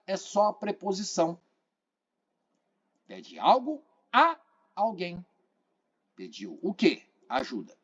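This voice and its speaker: Animated Brazilian man teaching grammar. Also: a little high. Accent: Brazilian Portuguese. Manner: animated, questions the viewer, repeats phrases. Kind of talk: exam-prep grammar lesson. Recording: dull lo-fi sound.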